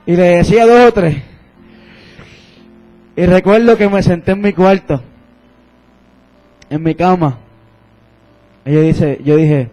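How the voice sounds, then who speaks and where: Fervent young preacher, high voice. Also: male voice, dark tone, low-quality recording. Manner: fervent, repeats phrases and interjects "aleluya". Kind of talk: sermon with personal testimony.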